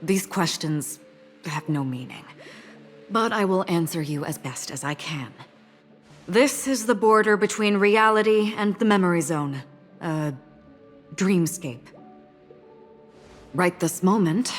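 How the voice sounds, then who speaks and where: A woman voicing an enigmatic, melancholy wanderer in a video game, speaking in a calm, measured, solemn way. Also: on the low side, lightly acted. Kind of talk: video game voice acting, dialogue. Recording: long reverb.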